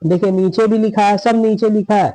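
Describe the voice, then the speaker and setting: High-voiced man teaching Quran reading. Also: steady tone, warm tone, dry recording, low-quality recording. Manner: drawn-out demonstration of words, frequent checking "theek hai". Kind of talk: slow step-by-step recitation lesson.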